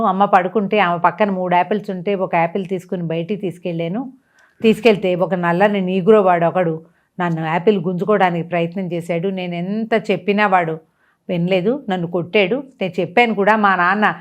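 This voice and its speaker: A woman's voice: fairly low pitch, steady tone, a little fast, lightly acted. A woman voicing a frightened, tearful young boy who pleads as he explains himself. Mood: tearful pleading.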